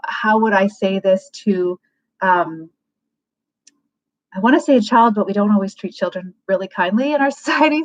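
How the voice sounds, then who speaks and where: Frank woman thinking aloud, lo-fi sound. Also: mid-range voice. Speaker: livecast host giving advice. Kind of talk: casual spoken advice. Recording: dull lo-fi livecast audio.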